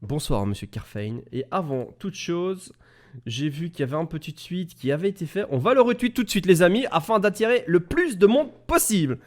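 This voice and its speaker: A Belgian man with a Belgian French accent casts a live esports match from his home setup. His voice sits a little high and swings widely in pitch as he chats and jokes with his viewers. He speaks close into an XLR studio microphone. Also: expressive, normal speed, a little mellow. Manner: chatty, joking, talks straight to the chat. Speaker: esports caster. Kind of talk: live game commentary.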